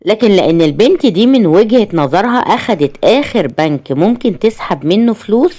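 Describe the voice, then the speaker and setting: A woman's voice: mid-range voice, expressive, a little fast, warm tone. A woman with an Egyptian accent narrating a dramatic story with emphatic delivery. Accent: Egyptian Arabic.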